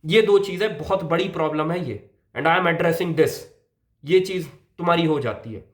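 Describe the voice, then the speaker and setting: A man's voice: a little high, moderate pace. Blunt young man in a roomy echo. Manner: blunt, preachy, talks straight at the viewer, mixing in English. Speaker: men's health creator. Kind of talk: casual advice vlog.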